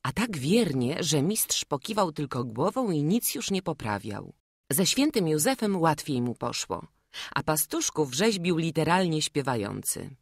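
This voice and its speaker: A woman's voice: low voice, big pitch swings, measured pace, slightly rough, no echo, studio quality. Woman reading an old tale. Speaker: audiobook reader. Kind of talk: scripted narration.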